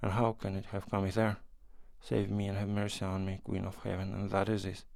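A wary, plain-spoken graveyard watchman, read by a man with a low, gravelly voice. The sound is dry and close. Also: monotone, a little fast, a little mellow, no room sound. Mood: frightened. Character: frightened male graveyard watchman.

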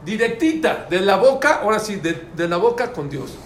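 A man's voice: high voice, big pitch swings, moderate pace. A man teaching a religious class to students, speaking emphatically, repeating key phrases and putting questions to the class. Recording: echoey room with faint background noise.

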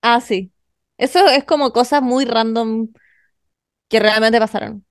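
A woman's voice: a little high, a little slow, no room sound, clean studio sound. A woman co-hosting a podcast, making offhand, shrugging remarks in casual chat.

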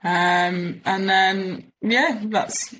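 A woman's voice: medium pitch, steady tone, extremely slow, a bit bright, a little hiss or hum, rough recording. A young woman, an athlete chatting modestly and laughing easily as an interview guest. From East Yorkshire, England. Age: 20s. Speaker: ocean rowing athlete, guest. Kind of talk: casual interview chat.

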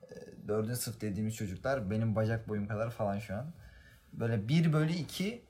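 A man's voice: on the low side, quick pace, mellow. A young man casually telling childhood stories to friends, laughing often and using slang. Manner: storytelling with frequent laughs and slang. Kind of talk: casual chat among friends.

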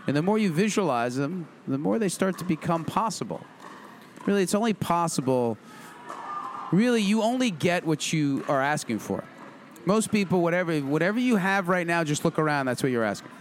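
A man's voice: fairly high pitch, slight background noise. A middle-aged man hosting a podcast, chatting casually in an upbeat, emphatic way that repeats phrases. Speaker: podcast host. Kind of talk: casual motivational podcast chat.

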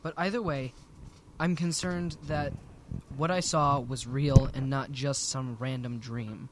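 A man's voice: mid-range voice, fairly even intonation, measured pace. A man speaking hesitantly as a player in a casual tabletop game, often restarting his sentences.

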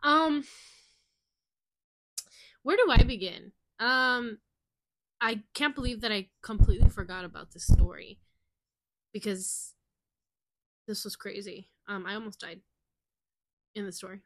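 A young woman co-hosts a casual podcast and drops quiet, deadpan, crude remarks. Her voice has a middle pitch. It was recorded dry and close, with no room sound. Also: measured pace, pauses often, dry recording. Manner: low-key deadpan crude quips. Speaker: podcast co-host. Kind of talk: casual chat.

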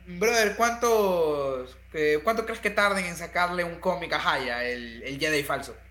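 A man's voice: on the high side, measured pace, pushed and bright, roomy sound. A man, co-hosting a casual podcast chat in a laid-back, slangy way. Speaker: podcast co-host.

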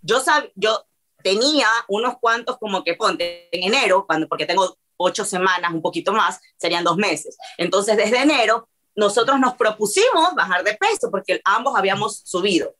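A woman's voice: mid-range voice, moderate pace. A young adult woman chatting as a guest, telling her story with animation and acting out the dialogue. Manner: animated, acts out quoted dialogue. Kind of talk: casual storytelling chat.

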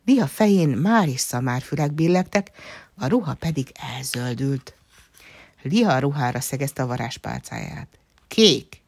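A woman reading a children's fairy story aloud in a calm, even storytelling manner. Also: a bass voice, gravelly, dry recording.

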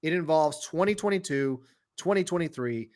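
A man's voice: a little high, lively intonation, normal speed, darkish tone. A man co-hosting a casual sports podcast, upbeat and joking, laughing often as he steers the talk. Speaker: podcast co-host.

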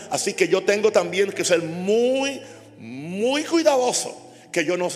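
Man pastor, impassioned sermon, slightly high voice, echoing church hall. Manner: impassioned, builds to shouting with repeated phrases.

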